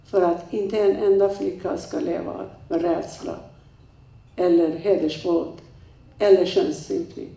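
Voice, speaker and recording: A middle-aged woman and women's rights activist delivering a personal testimony from a stage, telling it in slow, halting, emotional phrases. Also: lowish voice, steady tone, creaky, dark tone. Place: stage in a large room. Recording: echoey room, speaker far from mic.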